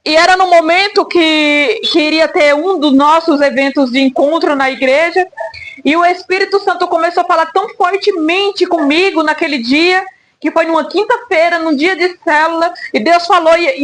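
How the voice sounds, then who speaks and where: Very high-voiced fervent woman preacher. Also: normal speed, fairly bright tone. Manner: fervent, emotional, repeats phrases for emphasis. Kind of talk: personal testimony sermon.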